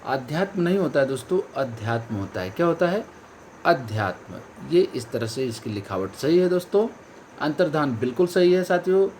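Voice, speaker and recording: A man's voice: fairly high pitch, big pitch swings, fairly quick, darkish tone, slight background noise. A male coaching teacher giving an online exam-prep lesson, stressing each key word and repeating the correct answer. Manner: addresses viewers as friends and companions.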